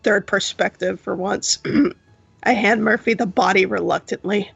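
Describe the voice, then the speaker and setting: A woman with a gravelly, husky voice, speaking in character in a tabletop role-playing game. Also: mid-range voice, fairly even intonation, a little slow, a bit bright, no room sound, muffled recording. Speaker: player.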